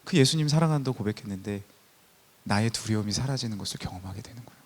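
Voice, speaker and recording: A man in his thirties preaching a sermon, telling stories and swinging from soft passages to loud, emphatic ones. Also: on the low side, lively intonation, quick pace. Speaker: pastor. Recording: long church hall reverb.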